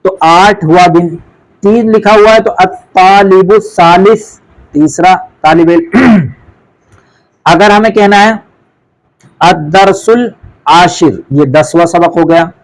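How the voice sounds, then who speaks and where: A man's voice: high voice, slow, pauses often, low-quality recording. A man teaching an Arabic lesson, reading each phrase aloud and then translating it. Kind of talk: classroom lesson explaining Arabic.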